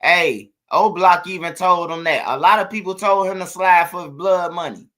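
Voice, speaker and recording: A man talks through street news in loose, casual commentary, blunt and repetitive. His voice is bright and forceful and sits a touch high. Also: normal speed.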